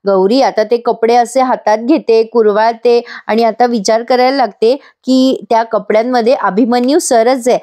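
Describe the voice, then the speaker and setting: A woman's voice: on the high side, steady tone, moderate pace, few pauses, warm tone. A woman doing a voice-over episode recap of a TV serial, chatty and speaking straight to her viewers. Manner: chatty, addresses viewers directly. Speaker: TV serial reviewer.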